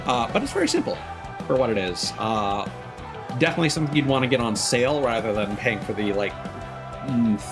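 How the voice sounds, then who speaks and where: A man livestreams gameplay with casual commentary, rambling, getting easily sidetracked and swearing casually. His mid-range voice is sing-song and a little fast, with video game music playing behind him.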